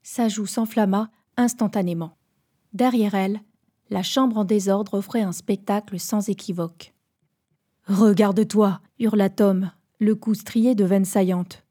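Female storyteller, intense scripted narration, husky mellow tone. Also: mid-range voice, fairly even intonation, unhurried.

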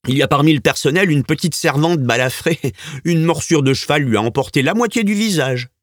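A man's voice: on the high side, animated, fairly quick, dry recording, studio quality, voice pushed up, close to an everyday voice. A man voicing a cheerful coachman who jokes and teases as he talks. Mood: jovial. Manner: jovial and teasing. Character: cheerful, joking adult male coachman.

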